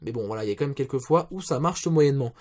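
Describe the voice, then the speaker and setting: A man's voice: mid-range voice, animated, fast talker, darkish tone. A man, casually walking through phone settings in a rambling review, with many restarts and fillers. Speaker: tech reviewer.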